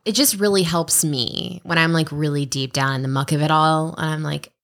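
A woman co-hosting a podcast in casual chat, animated, self-deprecating and quick to laugh. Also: low-pitched. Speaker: podcast co-host.

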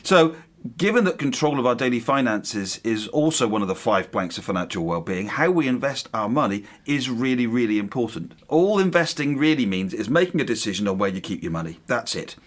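A man with a medium-pitched voice talks as a podcast host. He explains things step by step in a conversational style, as if giving practical tips. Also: lively intonation, brisk.

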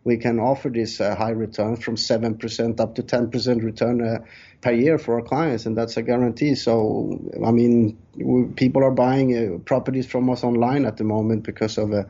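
A Swedish man in his thirties, a real estate developer, answers interview questions conversationally as a guest, with a Swedish accent. His mid-range voice is mellow with a breathy edge, fairly even in intonation and moderate in pace. The recording is dull, lo-fi call audio.

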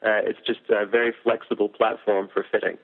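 A man's voice: lowish voice, little pitch movement, brisk, slightly rough. A man, a golf equipment engineer, explaining driver technology in detail with frequent fillers. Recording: tinny phone-like audio.

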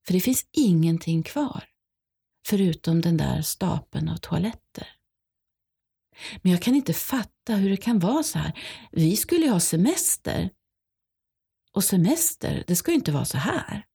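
A woman's voice: fairly low pitch, sing-song, gravelly, long pauses, warm tone, husky, heavily acted. Woman reading as a numb lost boy. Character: young boy, lost and numb after disaster. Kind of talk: first-person testimony reading.

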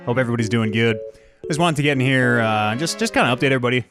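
A man's voice: medium pitch, rapid-fire, over music. Man talking in an echoey untreated room. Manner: rambling, self-interrupting, upbeat. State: out of breath from the heat. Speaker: podcast host. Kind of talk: casual update to followers.

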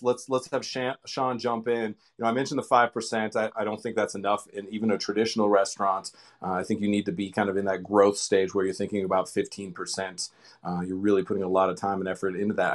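A man moderating an audio roundtable, enthusiastically thanking people and passing questions to the panelists. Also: lowish voice. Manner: enthusiastic, affirming, hands off questions.

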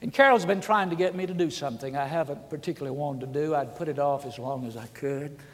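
A man, preaching a folksy storytelling sermon that swings from hushed asides to loud shouts. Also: a little high, fast. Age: 70s. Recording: reverberant hall.

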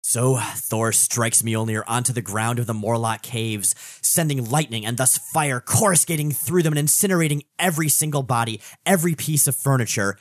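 A man's voice: mid-range voice, moderate pace, few pauses, no room sound, clean studio sound. A man co-hosting a conversational comic-book recap show, telling the story expressively. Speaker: podcast co-host.

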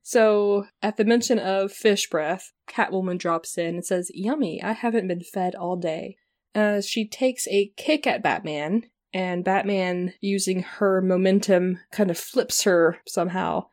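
A woman's voice: medium pitch, a little slow, hardly any pauses, darkish tone. A woman co-hosting a casual discussion, chatty and giggly, often breaking off mid-thought and laughing. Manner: chatty, giggly, self-interrupting. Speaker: podcast co-host. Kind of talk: casual discussion and reading aloud.

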